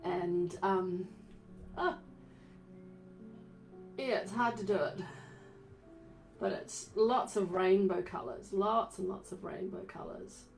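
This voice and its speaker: A woman with a New Zealand accent hosting a casual live stream from home, rambling warmly with many fillers and lots of "fabulous" and "beautiful". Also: mid-range voice, slow, creaky, long pauses, faint music behind. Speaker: crystal and essential oil live-stream host. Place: home room. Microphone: desk microphone she turns around.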